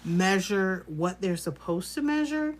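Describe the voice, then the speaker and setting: A woman's voice: medium pitch, lively intonation, unhurried, slight background noise. A woman teaching quilting in a casual live tutorial, chatty and reassuring as she thinks aloud while working. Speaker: quilting instructor.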